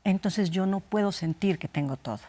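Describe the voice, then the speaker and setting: A woman's voice: mid-range voice, moderate pace, warm tone. A woman speaking as an expert guest in a studio conversation, thinking aloud and restarting sentences. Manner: thoughtful, restarts mid-sentence.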